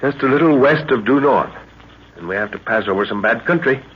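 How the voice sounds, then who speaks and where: In an old 1940s radio drama, an actor plays a seasoned, commanding expedition leader and father, middle-aged or older. His medium-pitched, slightly rough, expressive voice carries deliberate, measured authority and determination, broken by thoughtful hums. The recording is noisy and dull.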